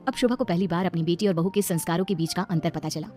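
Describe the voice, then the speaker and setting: A woman narrating a moral story in a brisk, matter-of-fact way. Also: on the low side, dark tone, faint music behind.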